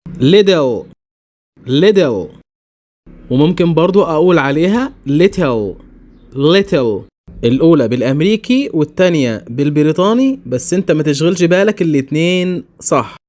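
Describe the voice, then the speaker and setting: A man with an Egyptian Arabic accent teaching a beginner English lesson, saying each English word slowly and twice for learners. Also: on the high side, a little mellow.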